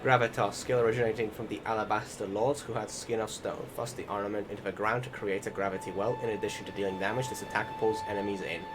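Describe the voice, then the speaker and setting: Over background music, a gaming channel host narrates a video game in a loose, rambling voice-over. His voice is fairly low and steady, and he talks fast with hardly any pauses, though he often hesitates and searches for words.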